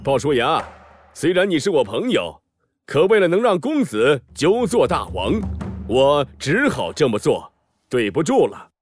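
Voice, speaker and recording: A man voicing a cool, ruthless mounted archer in a children's storybook, with a measured, formal delivery. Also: a little high, wildly swooping pitch, faint music behind. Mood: apologetic.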